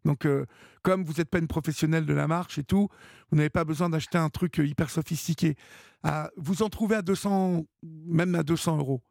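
A man's voice: a little high, fairly even intonation, fairly quick, creaky, darkish tone, no room sound, clean studio sound. A man hosting a late-night call-in radio show, talking in a hesitant, encouraging way with many fillers. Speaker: radio host.

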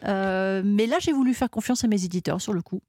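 A woman's voice: medium pitch, a little fast, mellow, no echo, clean studio sound. A woman author giving candid, thoughtful answers as a guest in a radio interview.

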